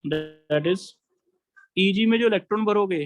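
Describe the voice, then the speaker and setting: High-voiced male chemistry teacher. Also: measured pace, dry recording, soft background music. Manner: explains step by step, asks students questions. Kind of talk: classroom lecture.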